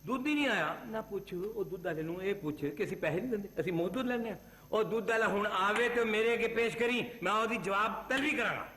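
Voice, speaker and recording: A man's voice: sits high, quick pace, sharp tone, echoey room. An actor playing a grumpy, scolding retired father in an old TV drama. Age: older. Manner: grumbling, scolding, sarcastic. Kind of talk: 1980s TV drama acting.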